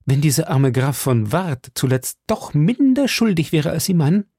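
A man voicing an eager, infatuated young swordsman who speaks in a flattering, fervent way. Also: fairly high pitch, moderate pace, breathy edge, dry recording, studio quality, voice pushed up, full character voice.

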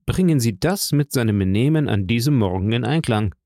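A man's voice: medium pitch, expressive, fairly quick, mellow, no echo, clean studio sound, close to an everyday voice. A man voicing an earnest, heartfelt young army captain.

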